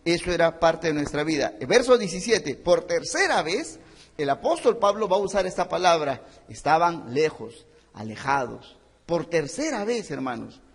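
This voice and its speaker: A pastor preaching earnestly, his voice high and swinging with great animation. A husky edge sits on his tone, and the church hall adds a long reverb. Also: sing-song, moderate pace. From Peru. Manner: earnest, addresses listeners as brothers, acts out stories. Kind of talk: sermon.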